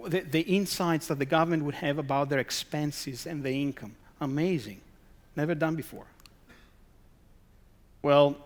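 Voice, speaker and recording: Guy presenting at a conference, reads out his slide titles, throws rhetorical questions and dry little asides at the room, middle-aged. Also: a little high. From Greece. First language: Greek. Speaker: conference speaker.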